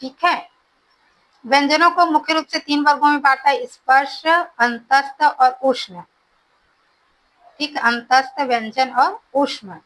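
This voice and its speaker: Explaining slowly for exam preparation, a woman goes over Hindi grammar, restating every definition and checking in with "ठीक है". She sits high with a fairly bright tone, on a low-quality recording with slight background noise.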